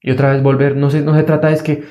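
A man speaks in an earnest self-help monologue, driving his points home through repetition. His voice sits a little higher than most men's yet sounds warm and mellow. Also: little pitch movement, fast talker. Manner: earnest, repetitive, acts out a fearful inner voice in a higher pitch. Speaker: motivational speaker.

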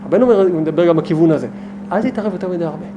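A man teaching as a rabbi to a small group, talking in an animated, emphatic way with many rhetorical questions. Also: fairly high pitch, noisy background.

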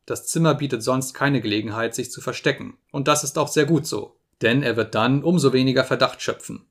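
A man reading an audiobook, voicing a gravely ill detective who speaks weakly but gives urgent orders. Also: medium pitch, fairly quick, natural voice. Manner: urgent, insistent, giving orders. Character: sick feverish detective, weak but commanding.

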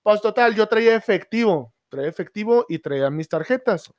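A man's voice: sits high, lively intonation, moderate pace, dry recording, clean studio sound. A young man, co-hosting a casual chat and telling a story full of crude slang.

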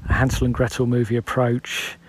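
A man's voice: medium pitch, completely flat delivery, fairly quick, a little hiss or hum. A British man in his forties, host of a solo podcast, musing aloud in a loose, rambling way.

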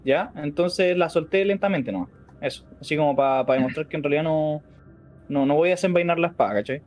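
A man with a Chilean Spanish accent, a player in a tabletop role-playing game, talking excitedly and casually. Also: fairly high pitch, fairly quick, soft background music. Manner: excitable, jumpy, laughs a lot. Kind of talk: casual role-play chat.

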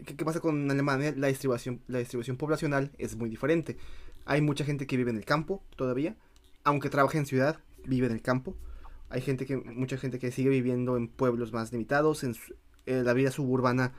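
A man co-hosting a podcast, talking casually and often stopping to restart and repeat himself. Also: medium pitch. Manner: halting, lots of restarts and repeats. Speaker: podcast co-host. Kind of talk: casual chat.

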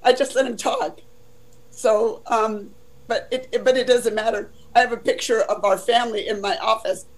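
Chatting through an interview about her life, a deep-voiced older woman from Southern California keeps saying "you know." Her tone stays steady at normal speed, though the audio is poor.

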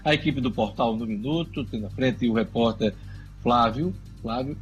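A man's voice: medium pitch, normal speed, muffled recording, faint music behind. A man hosts radio news, reading items live and adding informal comments.

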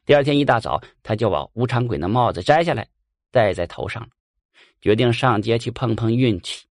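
A man narrating a folk ghost story in a lively, colloquial way. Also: medium pitch, brisk, no room sound, studio quality.

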